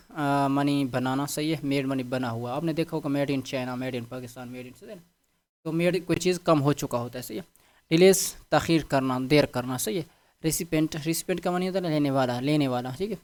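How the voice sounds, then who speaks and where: Fairly high-voiced man teaching vocabulary. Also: darkish tone. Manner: repeats words and checks with "theek hai"; spells words out letter by letter. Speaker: English teacher. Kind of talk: classroom vocabulary lesson.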